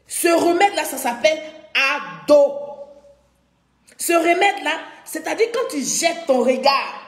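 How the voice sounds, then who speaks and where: A woman hosting a live stream, chatting effusively with viewers and breaking into chanted refrains. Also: high-pitched. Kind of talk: casual live-stream chat greeting viewers. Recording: roomy echo with faint music behind.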